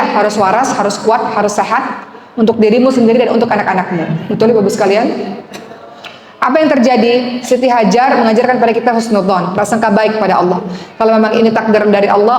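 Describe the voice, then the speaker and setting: A young woman with a fairly high voice preaches to a roomful of women. She is lively and coaxing, and keeps asking her listeners to answer back. Her voice rings out through a large, echoey hall with a long reverb tail. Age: young adult. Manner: lively, coaxing, asks the audience questions. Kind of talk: sermon to a women's gathering.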